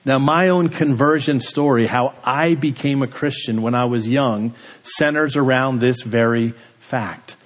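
A man delivering a sermon at a measured, unhurried pace. His voice sits in an ordinary middle register, and he lets each phrase sink to a low, quiet close. He speaks with the steady weight of a pastor addressing his congregation. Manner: slow, deliberate delivery with dramatic drops in pitch and volume at phrase ends.

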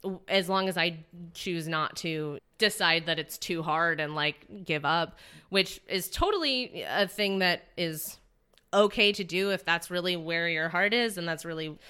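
A woman in her twenties, whose lowish voice is sharp and clean, talks at a measured pace as a guest in a casual podcast interview. Her account of her acting career is earnest and meandering, thick with "likes" and restarts.

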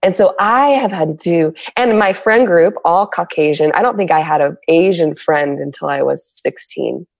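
A middle-aged woman from San Diego speaks as a podcast guest in a low, steady voice with vocal fry. Her reflective, candid interview talk includes frequent pauses and restarts as she gropes for words. It's a dry, close recording with no room sound.

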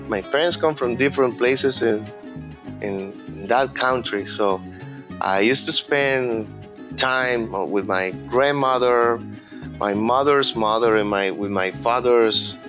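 Telling his own story as an interviewee, a Venezuelan man whose first language is Spanish speaks reflectively and haltingly. He keeps repeating words as he hunts for the right ones, in a mid-range voice that is a bit bright.

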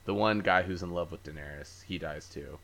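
Deep-voiced, bright-toned man recapping casually. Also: brisk, creaky. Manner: rambling recap full of fillers; easygoing, self-correcting. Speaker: podcast host. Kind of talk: casual chat.

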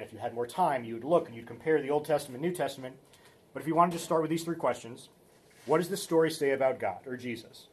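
A man's voice: mid-range voice, a little mellow. A man teaching a Bible study in a loose, conversational way, with frequent fillers and restarts. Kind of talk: casual teaching talk.

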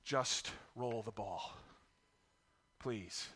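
A middle-aged pastor preaches a sermon in a lowish, raspy voice worn from yelling, speaking extremely slowly. He is candid and self-deprecating about his family's struggles.

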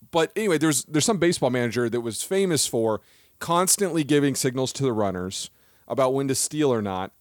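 A man co-hosting a podcast, talking in a lively, animated way and often laughing at his own jokes. His voice sits in an ordinary middle pitch. The recording is close and dry, with no room sound. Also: no room sound. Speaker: podcast co-host. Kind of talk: casual podcast chat.

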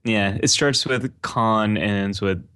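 A man's voice: on the low side, slow pace, bright, forceful tone, clean tone, no room sound. A man co-hosting a podcast, chatting casually and enthusiastically, with lots of fillers and restarts. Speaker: podcast co-host. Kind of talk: casual chat.

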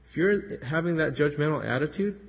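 A man's voice: a little high, animated, a little fast, husky. A man preaching a sermon, retelling a story in an earnest, conversational way and quoting the people in it. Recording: long hall reverb.

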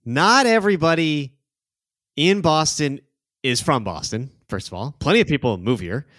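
A man hosting a podcast talks in casual chat, opinionated and full of fillers. His pitch swings widely as he speaks, so the delivery sounds lively. The recording is dry and close. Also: normal speed, no room sound. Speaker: podcast host.

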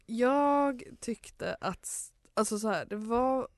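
A woman's voice: a little high, dry recording. A woman co-hosting a casual chat, talking hesitantly and laughing easily. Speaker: podcast co-host.

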